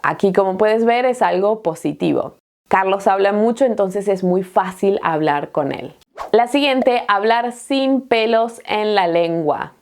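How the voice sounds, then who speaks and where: A woman from Latin America teaching a Spanish lesson, explaining slowly and often checking in with "¿no?". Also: mid-range voice, animated, darkish tone. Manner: slow, clear teaching with frequent "¿no?" checks and laughs. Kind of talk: language lesson. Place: Australia.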